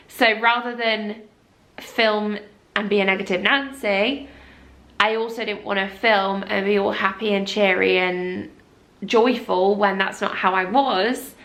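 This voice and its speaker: A young lifestyle vlogger chats casually to camera, rambling and apologetic, while congested with a cold. Her voice is medium-pitched, pushed and bright.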